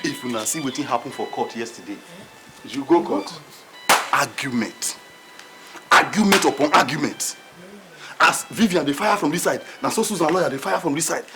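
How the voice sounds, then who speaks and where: A man's voice: on the high side, lively intonation, normal speed, long pauses, background noise. A male actor with a Nigerian accent playing a boastful, argumentative servant, emphatic and repetitive, in a film drama. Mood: boastful storytelling.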